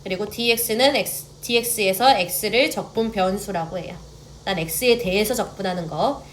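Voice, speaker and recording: A woman's voice: medium pitch, normal speed. Young adult woman, math teacher, step-by-step lecture, frequent check-ins, faint background noise. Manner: checks in with students, mixes polite and casual speech.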